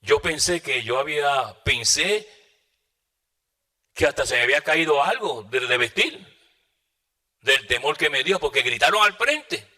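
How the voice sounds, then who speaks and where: A man preaching a sermon, telling a testimony dramatically and moving between loud bursts and hushed asides. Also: on the high side, animated, a little slow, pauses often.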